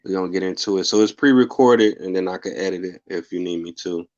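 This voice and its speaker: A man hosting a podcast interview, laid back and relaxed, with frequent fillers. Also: deep voice, fast talker, lo-fi sound. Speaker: podcast host. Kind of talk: casual interview.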